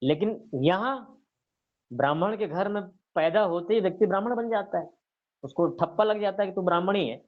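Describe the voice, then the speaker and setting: A man with a fairly high voice gives a scripture lecture in a calm, explaining way. He keeps asking his listeners questions and answering them himself, and slows down to recite verses. The recording sounds dull and lo-fi. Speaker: teacher of scripture.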